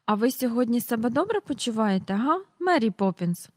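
A woman voicing an excitable, impatient young boy in a storybook reading. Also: fairly high pitch, normal speed, no room sound, clean studio sound, natural voice. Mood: worried. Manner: eager, pleading, impatient.

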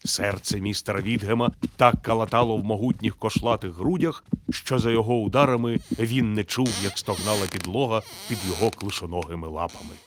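A man narrating a children's storybook in a steady, measured, gently expressive reading. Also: lowish voice, a little hiss or hum.

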